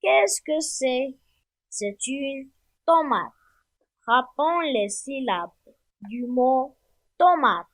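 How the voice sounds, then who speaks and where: Woman, slow phonics lesson, very slow pace, high voice, clear repeated instructions. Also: animated. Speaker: teacher.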